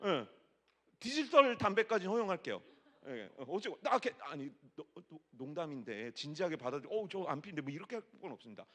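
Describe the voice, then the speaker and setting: Lively-voiced pastor in his forties, high and bright. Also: fairly quick. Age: 40s. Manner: conversational and teasing with the congregation, swinging between loud and hushed. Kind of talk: sermon at a youth worship service.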